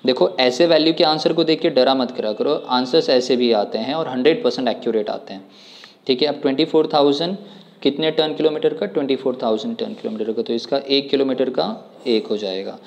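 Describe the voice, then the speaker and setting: A man's voice: medium pitch, fairly quick, vocal fry, lo-fi sound. Man talking students through a problem. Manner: explains step by step, asks rhetorical questions. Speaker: commerce tutor. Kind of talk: exam problem walkthrough lesson.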